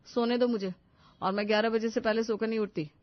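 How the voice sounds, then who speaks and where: A woman doing a spoiled young bride from a storybook, lazy and rude, brushing everything off with a bratty whine. The voice is fairly high. The sound is dull lo-fi and dry. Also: steady tone, brisk, no echo, lightly acted. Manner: bratty, dismissive whining.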